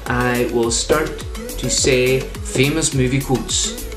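A man's voice: mid-range voice, fairly even intonation, slow pace. A man in his twenties talking casually to camera as a vlog host. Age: 20s. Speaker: vlogger, host. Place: bedroom, indoors. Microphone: camera in front of him. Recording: roomy bedroom sound. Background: music.

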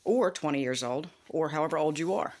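A woman's voice: deep voice, brisk. Woman, 50s, vlogger; emphatic, profane, rambling self-help talk. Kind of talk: casual self-help monologue.

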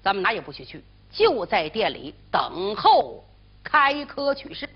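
A woman storyteller voicing an earnest, courteous young male warrior in a measured, firm manner. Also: medium pitch, sing-song, breathy edge, full character voice. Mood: firm, instructing. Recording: dull lo-fi television recording.

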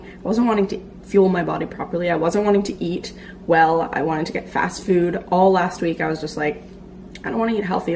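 A woman's voice: on the low side, distant mic, slight background noise, low-quality recording. A woman in her twenties chatting casually into a handheld camera in her living room, with lots of "like" and "um" fillers. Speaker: fitness vlogger. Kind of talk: casual vlog chat. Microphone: handheld camera at arm's length.

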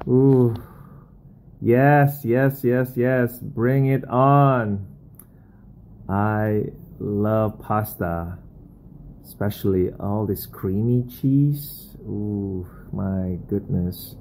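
A man's voice: fairly low pitch, creaky, darkish tone, low-quality recording. A man in his forties vlogging a meal in a small restaurant, enthusiastic and savoring every bite. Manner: enthusiastic, savoring food with drawn-out exclamations. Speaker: food vlogger. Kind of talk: casual food vlog. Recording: restaurant noise behind.

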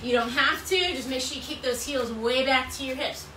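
A woman's voice: sits high, fairly even intonation, normal speed, bright, forceful tone. A woman in her thirties working as an aerobics instructor, calling out moves and counts with repetitive, encouraging cues while she exercises. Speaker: fitness instructor leading a workout. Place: small bright room at home, indoors. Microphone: camera or phone several feet away. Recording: roomy, distant mic, clear background noise.

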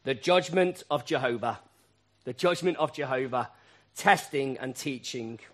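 A man preaching a sermon, asking rhetorical questions and repeating key phrases, moving between quiet asides and loud emphatic peaks. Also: medium pitch, a little slow.

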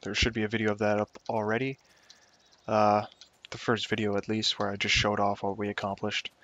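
A young gaming YouTuber rambles through casual gameplay commentary at home, talking to himself and joking at his own expense. His voice is lowish, monotone, fairly quick and a bit bright, in a dull lo-fi home recording.

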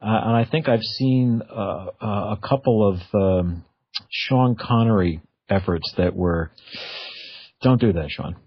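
In a casual interview chat, a male radio host speaks a little slowly in a fairly low voice with a breathy edge, hesitating as he hunts for words. The radio recording sounds dull, lo-fi, and dry, with no room sound.

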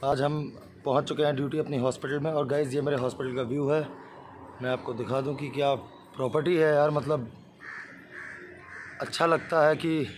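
A young man with a hoarse voice, chatting casually in a vlog while showing around the grounds of the hospital where he works. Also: mid-range voice, a little hiss or hum, low-quality recording. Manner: chatty, friendly, repeats filler words. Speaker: vlogger.

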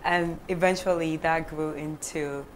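Speaking at a measured pace with her voice sitting low, a young woman from Ghana who makes films chats comfortably in a studio interview, seated on a sofa. She laughs often and gestures with her hands, with background noise audible.

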